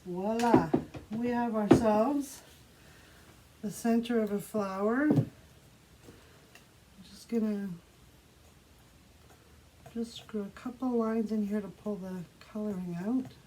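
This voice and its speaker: In a dark-toned, medium-pitched voice with fairly even intonation, a woman hosts an art tutorial, chatting casually while she crafts. She walks through each action unhurriedly; the recording is rough and background noise is plain to hear.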